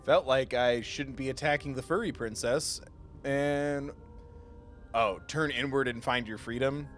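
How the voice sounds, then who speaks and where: During a live let's play, a man with a medium-pitched, unhurried voice chats casually and mutters the dialogue choices aloud. The game music comes through clearly.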